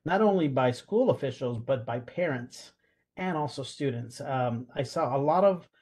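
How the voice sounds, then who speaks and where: Speaking from a home or office room over a webcam, the school police association president joins an online panel as a panelist. He's a middle-aged Guatemalan man whose first language is Spanish, with an expressive, medium-pitched, darkish and slightly rough voice at normal speed. He talks earnestly, with many fillers and restarts.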